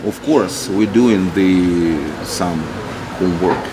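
Earnest low-voiced boxing coach. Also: male voice, background noise. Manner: halting, searching for words, earnest. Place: open-air boxing gym.

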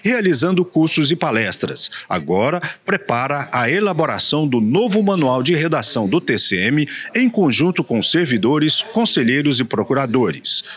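Lively Brazilian male news narrator. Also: fairly high pitch, moderate pace, few pauses, slightly rough. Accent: Brazilian Portuguese. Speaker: news reporter.

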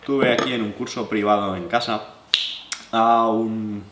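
A young Spanish man from La Mancha, seated at a table in his living room, explains knife sharpening to viewers in a relaxed, chatty way. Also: fairly low pitch, a little slow, reverberant, heavy background noise. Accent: Spanish from Spain. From La Mancha, Spain. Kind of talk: hands-on tutorial, addressing viewers.

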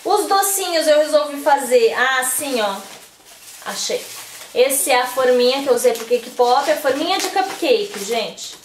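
A woman's voice: sits high, expressive, unhurried, reverberant, a little hiss or hum. A woman vlogging casually from home, chatty and explaining her party crafts step by step. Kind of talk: casual craft vlog chat.

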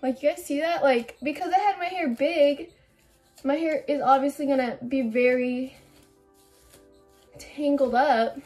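A woman's voice: high voice, a little slow, pauses often, a little mellow, faint music behind. A young woman vlogging casually at home into a camera mic, chatty and a little anxious, rambling and restarting her sentences. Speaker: beauty vlogger. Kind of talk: casual vlog chat.

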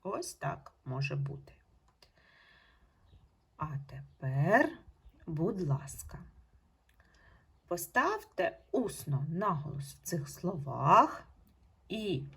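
A woman teacher giving a recorded online lesson to young pupils, speaking in slow, patient, clearly spaced instructions. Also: lowish voice, sing-song, fairly bright tone. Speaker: primary school teacher.

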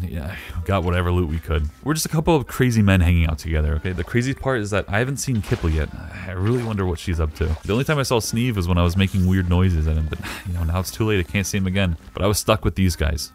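A young man with a fairly low voice tells the story of his game in a casual, jokey way. He gets excited fast and breaks into shouts when things go wrong. Light music plays under him. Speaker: Minecraft YouTuber narrating gameplay. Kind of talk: casual gaming commentary with narration.

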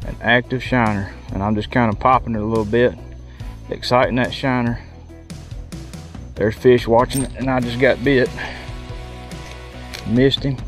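A folksy man talks straight to his viewers while he fishes from a pond bank outdoors. His voice sits at a middling pitch, with easygoing, chatty commentary and faint music behind him. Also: steady tone, moderate pace, long pauses. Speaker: fishing vlogger.

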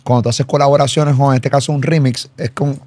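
A man's voice: mid-range voice, fairly even intonation, fast talker, a little mellow, dry recording. A man with a Puerto Rican accent hosting a casual interview, asking loose questions and dropping short replies. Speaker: show host.

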